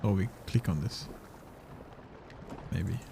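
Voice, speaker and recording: A man's voice: low voice, takes it slowly, gravelly, mellow, slight background noise. A man playing a video game, commenting casually and reading its text aloud.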